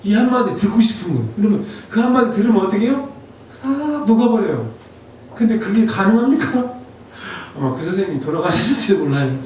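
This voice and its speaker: A man preaches a Sunday sermon in a high voice, chatting through a personal story and putting questions to his listeners. His voice rings through a very echoey church hall, picked up by a distant mic over faint background noise. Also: animated, fairly quick, darkish tone. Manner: conversational storytelling, rhetorical questions to the congregation. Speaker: pastor. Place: church sanctuary.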